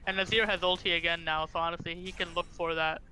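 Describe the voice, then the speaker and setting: Bright high-voiced male co-caster. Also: flat delivery, quick pace, slight background noise, low-quality recording. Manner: casual agreeing color commentary, frequent "honestly" and "you know". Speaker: esports co-caster. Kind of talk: color commentary.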